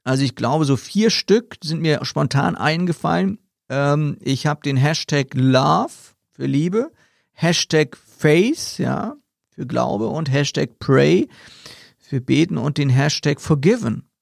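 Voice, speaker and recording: Guy doing a chill bible podcast, kinda gravelly voice, lots of ähs and repeats, dry sound. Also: a little high, takes it slowly, no echo. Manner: relaxed, thinking aloud with fillers and repeated words. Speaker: podcast host. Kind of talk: casual Bible talk podcast.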